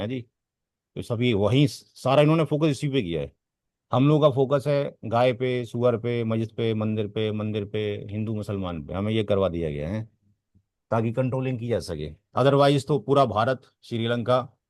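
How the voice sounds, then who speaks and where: A man teaching a networking class, speaking at a medium pitch for a man. He drifts off topic, repeats words to drive a point home and throws rhetorical questions at his students. The recording is dry and close. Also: a little mellow, dry recording. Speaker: networking trainer. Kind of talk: classroom lecture.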